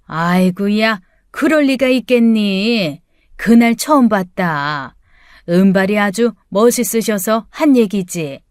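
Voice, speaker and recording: A woman voicing a pushy, nosy older mother-in-law who grumbles and gives orders in a slow drawl, in an audiobook story reading. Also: medium pitch, expressive, no echo, clean studio sound. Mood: coaxing.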